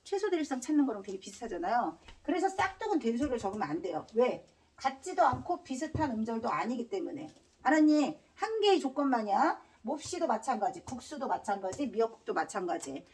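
Lively, high-voiced woman teaching grammar. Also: fairly quick, distant mic. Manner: drills students with repeated questions; casual slangy asides. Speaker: Korean language teacher. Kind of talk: classroom lecture.

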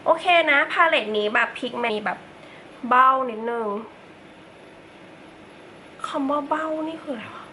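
A young woman talks through a makeup tutorial in a loose, chatty way, tossing playful asides to her viewers. Her voice is bright and forward, sitting a little high. Faint room noise hums behind her. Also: measured pace, long pauses, rough recording. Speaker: beauty vlogger. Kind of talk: casual makeup tutorial chat.

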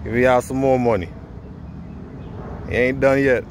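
A man's voice: mid-range voice, steady tone, moderate pace, noisy background. A man hosting a casual outdoor street interview, with hyped, slangy banter. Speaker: vlogger host. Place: outdoors in a park.

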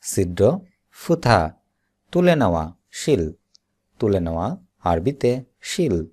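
A man teaching Arabic vocabulary, saying each word slowly and then repeating it. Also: husky. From Bangladesh. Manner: slow, deliberate repetition with lively pitch. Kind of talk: slow vocabulary drill, each word said twice.

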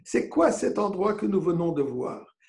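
Gravelly high-voiced man teaching Torah. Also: big pitch swings, normal speed, darkish tone. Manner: storytelling, asks and answers his own questions; mixes Hebrew terms into French. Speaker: rabbi. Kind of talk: Torah lesson.

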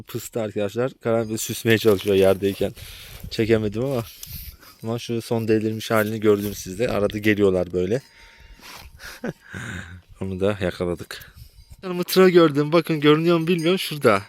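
Chatty man vlogging outdoors in a village. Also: fairly low pitch. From Turkey. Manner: chatty, exclaims and scolds animals. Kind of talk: casual vlog talk to viewers.

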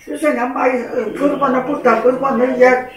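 A woman's voice: sits high, steady tone, a little slow, over a noisy crowd. An older woman, rambling homespun stories in casual family chat. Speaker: mother-in-law. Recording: echoey room, distant mic, voices around.

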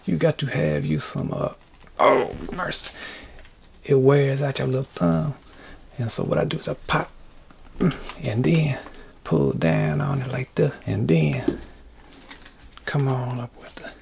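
A man's voice: medium pitch, very animated, a little slow, gravelly, pauses often, darkish tone, a little hiss or hum. A man hosting a casual workshop vlog, rambling in a folksy, joking way to his viewers. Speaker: craft channel host. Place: indoor workshop.

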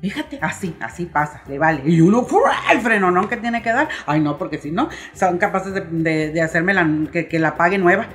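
A woman's voice: lowish voice, lively intonation, moderate pace, few pauses, a bit bright, faint music behind. Exasperated Mexican woman ranting comically. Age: middle-aged. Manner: exasperated, grumbling, mock-outraged. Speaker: vlogger. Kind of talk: comic rant to camera.

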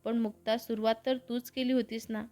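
A woman voicing a timid, soft-spoken young woman in a storybook reading. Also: on the high side, level tone, fairly quick, faint music behind, lightly acted.

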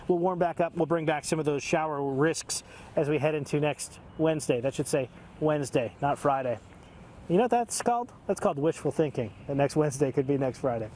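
A man's voice: on the high side, darkish tone, a little hiss or hum. A man presenting a live weather forecast in a fluent, conversational broadcast style, outdoors in a park. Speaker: television meteorologist.

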